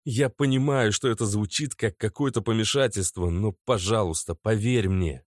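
A man's voice: lowish voice, moderate pace, no room sound, clean studio sound, natural voice. A man voicing a nervous young boyfriend who earnestly pleads to be believed.

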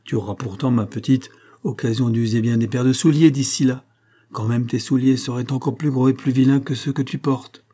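A man's voice: mid-range voice, steady tone, fairly quick, mellow, natural voice. A man reading the part of a teasing, sly middle-aged master of the house, in a jovial mocking tone.

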